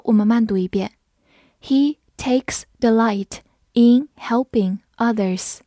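A woman who is a native Chinese speaker, teaching English vocabulary, calmly explaining and spelling words letter by letter, with slow read-alongs. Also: mid-range voice, no echo, clean studio sound.

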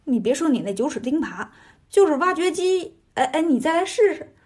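A woman's voice: sits high, very animated, brisk, darkish tone. Sun Wukong, put on by a woman: a cocky, teasing monkey king. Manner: teasing, swaggering.

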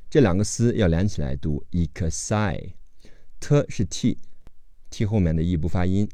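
Slow, deep-voiced male English tutor. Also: warm tone, dry recording. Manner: spells words letter by letter, slow and methodical. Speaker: English teacher. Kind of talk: spelling and pronunciation lesson.

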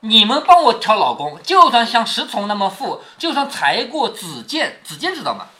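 Animated man explaining a story aloud. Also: sits high, moderate pace. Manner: chatty, often checks in with the listener. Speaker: father reading a classic novel to his daughter.

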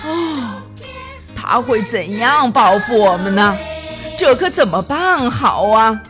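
A woman's voice: fairly high pitch, big pitch swings, slow pace, music in the background. A woman voicing an anxious male elephant in a children's storybook, fretting to himself. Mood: worried. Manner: fretful, muttering to himself.

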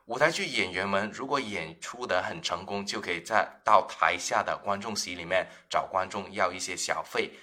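A young male teacher with a very bright, forceful voice, sitting a little low in pitch. He leads a lively scripted language lesson and says each key phrase twice, slowly and carefully, so learners can repeat it. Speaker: English teacher.

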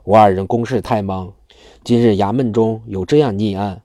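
A man's voice: fairly low pitch, steady tone, moderate pace, warm tone, no echo, clean studio sound, natural voice. A man reading worried old-time county constables. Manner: worried, sighing.

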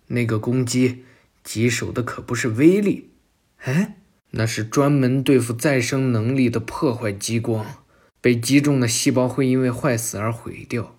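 A man's voice: darkish tone, slightly rough, lightly acted. A man doing a brooding young ninja. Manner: low, grave, muttered.

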